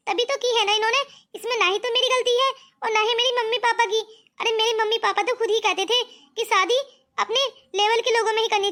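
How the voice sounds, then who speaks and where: A woman's voice: very high voice, sharp tone. A woman voicing a hurt young wife who speaks in a complaining, defensive way.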